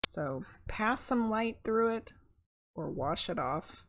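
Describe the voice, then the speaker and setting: A middle-aged woman with a slightly husky, mid-range voice reads a children's picture book aloud at a slow pace. She's expressive and conversational, tossing casual asides to her viewers, with noticeable background noise.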